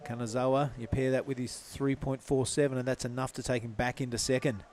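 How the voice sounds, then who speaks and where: A man commentates a surf contest live in a relaxed, casual surfer-announcer way. His voice sits at an everyday male pitch, with clear background noise and ambience around it. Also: fairly quick.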